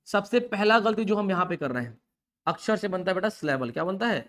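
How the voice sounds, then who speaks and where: A male teacher, giving a live class in a lively, chatty way. He keeps asking the students questions, answers them himself and repeats the key words. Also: sits high, brisk. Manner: lively and chatty, with homely examples and mild jokes. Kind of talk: live online class lecture.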